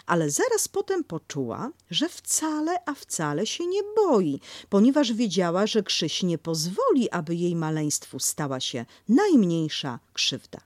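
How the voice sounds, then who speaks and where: Woman reading kids story, super expressive, dry close mic. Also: fairly low pitch, a little slow, few pauses, no room sound. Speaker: narrator.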